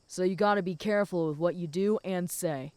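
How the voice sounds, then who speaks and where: A woman voicing a flirty, possessive and protective female werewolf in an intimate audio role-play, speaking teasingly to the listener in a smooth voice. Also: fairly low pitch, fairly quick, no room sound, close to an everyday voice. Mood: calm, teasing. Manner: flirty, teasing, with soft chuckles.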